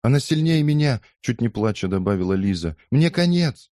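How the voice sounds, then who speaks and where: A man doing a frail young woman, pale and trembling, pleading close to tears, pitched well above his own low voice. A dry, close storybook reading. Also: fast, dark tone, dry recording, lightly acted. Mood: tearful.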